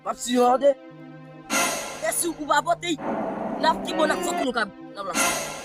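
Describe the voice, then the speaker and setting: A man's voice: extremely high pitch, expressive, measured pace. A man playing an agitated haggler in an amateur improvised drama, with stilted, overexcited acting. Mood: agitated, insistent. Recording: loud music over amateur video sound.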